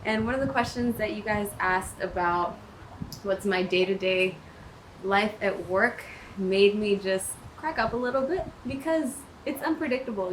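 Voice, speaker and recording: With background noise behind her, a young woman from Maryland, an emergency nurse, chats to a camera at arm's length for a casual video application. She's upbeat and laughs often, her voice medium in pitch, in a plain indoor room with a panelled wall.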